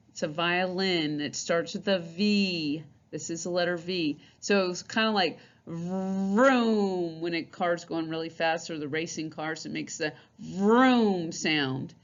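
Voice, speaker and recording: A woman teaching a phonics lesson, patiently repeating each letter sound and explaining how the mouth forms it. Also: lowish voice. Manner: slow, patient, repeats sounds many times. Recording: dull lo-fi recording.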